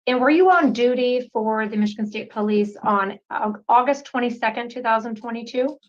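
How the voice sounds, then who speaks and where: A woman prosecutor questioning a witness in a plain, businesslike way. Her fairly high voice comes through a dull, muffled courtroom recording. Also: fairly quick.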